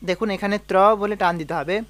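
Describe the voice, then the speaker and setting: A man teaching a devotional song on harmonium, singing note names and breaking words slowly into syllables. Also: high-pitched, steady tone, loud music behind the voice. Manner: sings sargam note names over the harmonium. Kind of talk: music lesson, singing and explaining notes. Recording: harmonium playing along.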